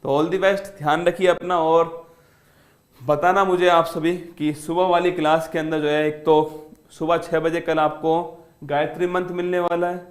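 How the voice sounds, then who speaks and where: A man's voice: on the high side, little pitch movement, measured pace. A male exam-prep teacher closing an online class, coaxing and motivating his students like friends.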